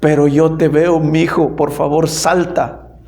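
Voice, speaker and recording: A man's voice: fairly high pitch, flat delivery, slow pace, a little mellow, soft background music. A man playing a desperate urging father. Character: desperate father urging his son to jump.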